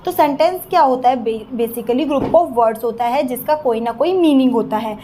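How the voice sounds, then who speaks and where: A woman's voice: high-pitched, moderate pace, dark tone, slight background noise. A young Indian woman with an Indian accent, teaching in an explanatory exam-prep lecture and often checking in with her students.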